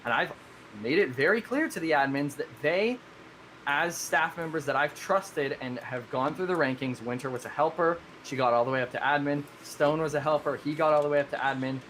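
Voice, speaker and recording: A man who runs a game server explains his rules earnestly during a live-streamed discussion, in a fairly high, brisk, slightly bright voice. He rambles, keeps correcting and restarting his sentences, and there's a little hiss or hum in the audio.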